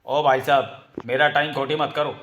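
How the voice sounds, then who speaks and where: A man's voice: mid-range voice, fairly even intonation, normal speed, fairly bright tone, faint music behind, close to an everyday voice. A man voicing a heartless shopkeeper who speaks in a dismissive, scornful way. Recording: roomy echo.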